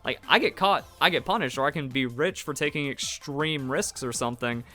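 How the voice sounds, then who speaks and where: Bright-voiced young man rambling casually. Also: on the high side, animated, soft background music. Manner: rambling, lots of "like", quick asides. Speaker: gaming YouTuber reacting to a trailer. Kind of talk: casual reaction commentary.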